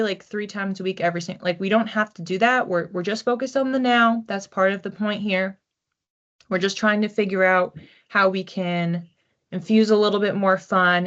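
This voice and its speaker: Hosting her weekly collective reading, a psychic reader lays out cards while chatting informally with her audience and thinking out loud. Her medium-pitched voice is fairly bright, though the recording has its highs cut off.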